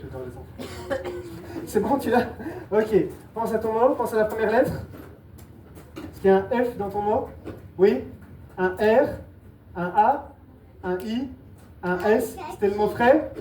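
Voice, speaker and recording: A woman mentalist works a live crowd, coaxing volunteers through a mind-reading trick with playful, patient repetition. Her voice sits at a middling pitch and comes from a distance. The room is roomy and echoing, with a steady live-venue noise underneath. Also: measured pace, pauses often. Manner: playful, repeats instructions patiently. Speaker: stage mentalist. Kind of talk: live stage show with audience volunteers. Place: live show venue with audience. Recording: echoey, distant mic, noisy live room.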